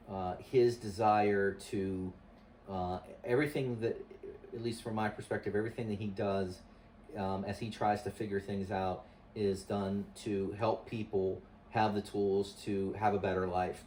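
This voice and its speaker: A man answering interview questions casually as a husband, haltingly searching for words and repeating himself. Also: fairly low pitch, darkish tone. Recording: distant mic, noisy room ambience.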